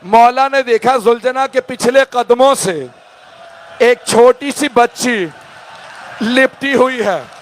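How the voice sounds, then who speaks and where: A man's voice: extremely high pitch, slow pace, a little hiss or hum. A male cleric delivering an emotional mourning sermon and speaking directly to his listeners.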